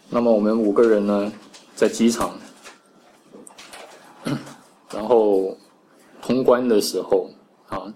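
A Buddhist monk gives a Dharma lecture. He recites each passage slowly, then explains it, with many "ah" fillers. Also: lowish voice, a little mellow, a little hiss or hum, low-quality recording. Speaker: Buddhist monk teaching scripture.

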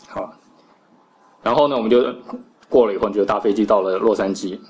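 A Buddhist monk gives a Dharma lecture. He recites each passage slowly, then explains it, with many "ah" fillers. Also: lowish voice, darkish tone, rough recording. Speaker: Buddhist monk teaching scripture.

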